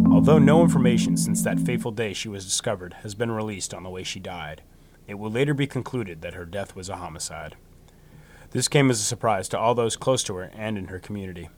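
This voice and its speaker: A man hosting a true crime podcast, reading a scripted story in a solemn, measured way, with phrases that trail downward. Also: fairly low pitch. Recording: music behind the voice. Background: music bed.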